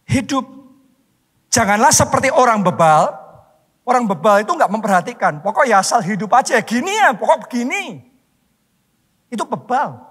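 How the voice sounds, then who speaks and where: A male pastor from Indonesia preaching a sermon, stressing points loudly and then dropping to soft, drawn-out words. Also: extremely high pitch. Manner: emphatic, swings between loud stress and soft drawn-out words. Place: church hall. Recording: long hall reverb.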